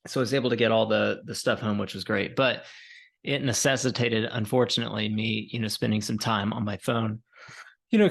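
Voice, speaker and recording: A man in his forties co-hosting a podcast, telling a rambling story in a relaxed, tired way with many fillers. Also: fairly low pitch, gravelly. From Colorado, USA. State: tired, yawning. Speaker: podcast co-host. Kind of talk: casual chat.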